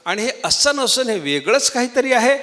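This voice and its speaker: A man's voice: very high-pitched, very animated, moderate pace, bright, forceful tone. An older man giving a devotional discourse in a hall, explaining patiently and putting questions to his listeners. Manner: explanatory, repeats questions to the audience, playful imitations. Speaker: spiritual lecturer. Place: lecture hall.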